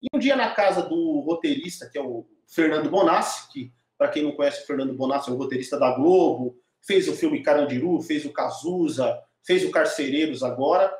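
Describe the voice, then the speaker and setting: A middle-aged filmmaker recounts his story in a loose, animated way, often tossing tag questions at his listener. His voice sits a little high for a man. The room around him is echoey and hollow. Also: brisk, few pauses. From Diadema, São Paulo, Brazil. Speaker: documentary filmmaker, guest. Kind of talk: casual storytelling interview.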